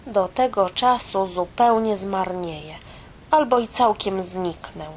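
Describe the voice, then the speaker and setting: A woman's voice: mid-range voice, takes it slowly, a little hiss or hum, natural voice. A woman voicing a lonely, sad personified fairy tale in a storybook tale, sighing and plaintive. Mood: sorrowful.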